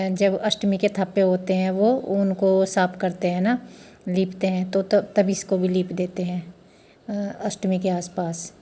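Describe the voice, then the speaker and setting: A woman's voice: mid-range voice, dark tone. A woman chatting to viewers in a casual family vlog, explaining household customs step by step. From India. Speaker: family vlogger. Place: family home during a festival.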